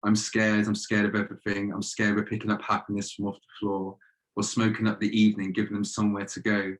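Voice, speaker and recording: Low, flat-voiced young man reading poems. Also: rough recording. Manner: measured, steady delivery with repeated refrains. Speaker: guest poet. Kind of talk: poetry reading. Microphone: video call.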